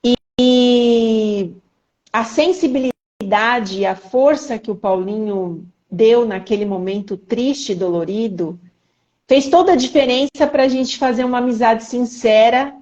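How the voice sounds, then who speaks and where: A woman's voice: a little high, a little slow, a little mellow, muffled recording. A woman hosting a live faith podcast, introducing her guest in an earnest, emotional and talkative way. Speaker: podcast host.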